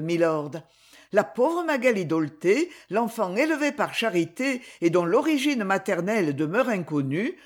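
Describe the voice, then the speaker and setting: A reader voicing a pious young woman of humble birth who speaks with sad restraint, in an audiobook. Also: mid-range voice.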